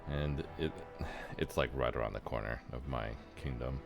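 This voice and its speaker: A man's voice: extremely low pitch, normal speed, creaky. A man streaming a fantasy game, reading dialogue aloud and muttering casual asides. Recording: soft background music.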